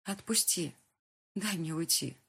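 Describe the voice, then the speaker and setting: A woman voicing a defiant, frightened young heroine in an audiobook, with a husky voice and shrill outbursts. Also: measured pace, fairly bright tone, full character voice. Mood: shaky pleading.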